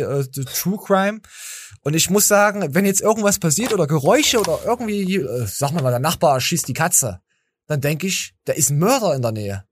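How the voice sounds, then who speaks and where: A man's voice: on the high side, a little hiss or hum. A tired man hosting a podcast, rambling and joking with stammering restarts. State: tired from little sleep. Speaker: podcast host. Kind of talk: casual chat.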